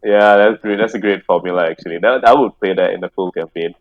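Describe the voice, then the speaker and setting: A man's voice: low-pitched, fast, dull audio. A man acting as game master, narrating a tabletop game casually with lots of restarts and laughter. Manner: rambling, restarts, frequent laughs.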